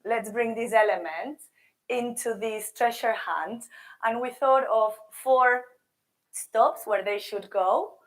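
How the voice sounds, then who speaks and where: A woman's voice: fairly high pitch, slow pace. Woman giving a seminar talk, sore swollen throat voice, keen and chatty with the audience. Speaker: language teacher and presenter. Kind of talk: seminar presentation of a virtual project.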